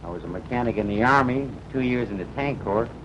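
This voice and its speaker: A man's voice: mid-range voice, quick pace, natural voice. An actor playing a composed undercover agent who poses as a working man in a 1940s film, answering briefly. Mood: polite. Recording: dull, hissy 1940s film soundtrack.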